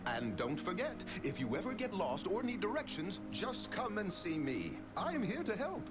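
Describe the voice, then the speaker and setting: An actor voicing a kindly, excitable, folksy village helper in a cartoon video game. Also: male voice, sits high, normal speed. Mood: delighted, helpful. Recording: loud game music behind the voice. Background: loud game music.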